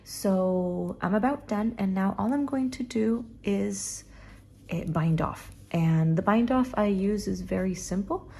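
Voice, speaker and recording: Relaxed woman teaching knitting. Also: mid-range voice, unhurried, gravelly. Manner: relaxed, counts stitches under her breath, chatty asides. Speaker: knitting tutorial host. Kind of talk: casual knitting tutorial, talking while working.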